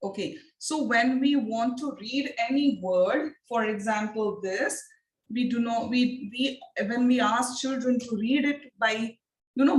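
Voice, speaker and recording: On a video call with poor, echoey audio, a woman with an Indian accent runs an online phonics training for teachers. Her voice sits a little high, and she speaks deliberately, repeating her questions to the trainees.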